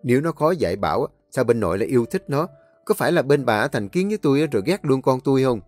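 A man playing a gruff, dismissive middle-aged husband. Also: mid-range voice, big pitch swings, quick pace, darkish tone, soft background music, voice pushed up, close to an everyday voice. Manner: dismissive, curt.

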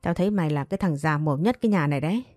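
A woman voicing a raging old village father in a story reading, low and dark, scolds and hurls insults, sounds out of breath. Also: expressive, racing, no echo, studio quality, soft background music. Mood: furious scolding. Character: furious old village patriarch, short of breath.

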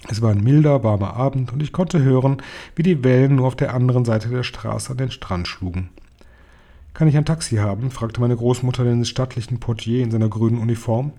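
A man reading a children's novel aloud as narrator, calm and even. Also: mid-range voice, brisk. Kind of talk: audiobook reading.

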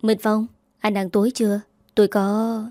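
A woman voicing a gentle young mother in a spoken story, soft and coaxing. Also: mid-range voice, flat delivery, normal speed, no room sound, clean studio sound, close to an everyday voice.

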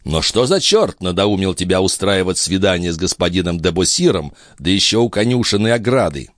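A man's voice: low-pitched, lively intonation, brisk, fairly bright tone, no echo, studio quality. A man voicing a worldly old duke who speaks with teasing, condescending irony. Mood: ironic. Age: older. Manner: ironic, condescending.

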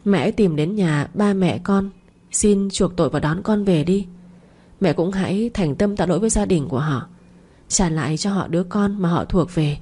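A woman's voice: fairly low pitch, normal speed, mellow, slightly rough. A woman voicing the ghost of a dead baby boy who speaks in a plaintive, reproachful way. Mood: imploring.

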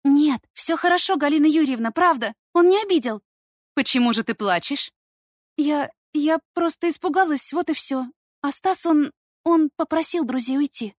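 A frightened teenage girl stammers in a high, anxious voice , voiced by a woman reading aloud. She stops and restarts her words. The recording is dry and close. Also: expressive, no echo. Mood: nervous. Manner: halting, stammering. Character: timid frightened teenage stepdaughter.

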